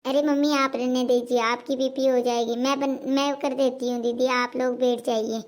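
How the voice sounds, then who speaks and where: A woman playing a meek, hardworking young daughter-in-law who talks softly and reassuringly. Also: high-pitched, level tone, moderate pace, lightly acted. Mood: gentle. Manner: soft, dutiful, reassuring. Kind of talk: homemade family skit.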